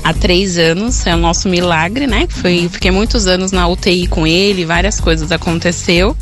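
A woman's voice: on the low side, normal speed. A woman in her forties from Salvador, calling in to a radio show, grateful and a little hesitant. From Salvador, Brazil. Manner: hesitant restarts, warm and grateful. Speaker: radio caller. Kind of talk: phone-in chat. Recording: music playing under the voice.

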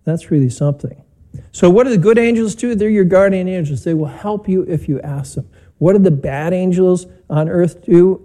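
A priest speaks into a pulpit microphone in a church, his voice mellow and warm but pitched a little high. He is measured and plain-spoken, with a touch of gentle humor, as he preaches and leads the spoken prayers of the Mass. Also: slightly rough, low-quality recording. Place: church during a broadcast Mass.

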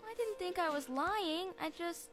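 A woman's voice: very high voice, lively intonation, moderate pace, over music. An actress playing an insecure, flustered and earnest young girl in a family radio drama. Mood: dismayed. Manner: nervous, pleading.

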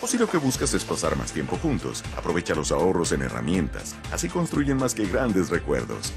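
A man reading a scripted radio ad with an animated sales pitch. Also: brisk, vocal fry, over music. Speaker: ad announcer. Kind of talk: scripted ad read.

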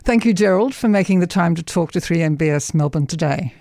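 A woman radio interviewer asking measured, prompting questions of a guest. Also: lowish voice, lively intonation, warm tone, dry recording, studio quality.

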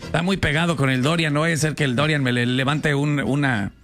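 A man's voice: on the high side, fairly even intonation, a little fast, a bit bright, faint music behind. A man with a Mexican accent hosting a comedy radio show, joking and reading listener messages aloud. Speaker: radio host. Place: radio studio.

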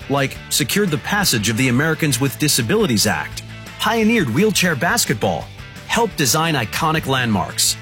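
A man's voice: mid-range voice, a bit bright. A man reading a scripted charity advert as an announcer. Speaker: commercial announcer.

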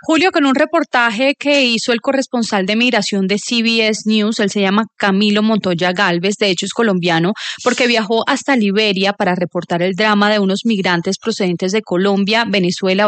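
A reporter reading out an international news item on a radio show in a clear, measured way. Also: mid-range voice, a bit bright, no room sound.

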